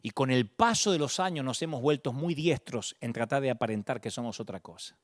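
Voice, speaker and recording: Dramatic preacher man, lively voice. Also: a little fast, no echo, studio quality. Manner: dramatic, shifts from booming calls to hushed murmurs. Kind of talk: sermon.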